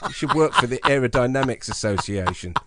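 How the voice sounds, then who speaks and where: A man's voice: mid-range voice, expressive, a little fast, background noise. A middle-aged man co-hosting a podcast in casual, rambling chat, laughing at himself and drifting off on digressions. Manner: rambling, self-mocking, laughs often. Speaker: podcast co-host.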